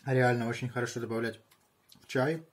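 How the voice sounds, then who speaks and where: A man in his thirties chatting casually on a home vlog in halting short bursts while he handles and tastes things, with a husky voice. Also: mid-range voice, steady tone. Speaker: video host tasting candy. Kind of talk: casual vlog chat with muttered reactions. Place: small room at home.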